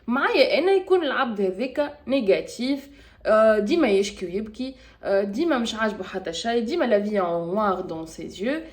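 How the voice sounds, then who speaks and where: A woman's voice: a little high, animated, rapid-fire. A Tunisian woman with a Tunisian accent, chatting casually and spontaneously in a podcast vlog, hesitating often and mixing French with Tunisian Arabic. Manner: switches freely between French and Tunisian Arabic. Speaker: podcast vlogger. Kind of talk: casual chat.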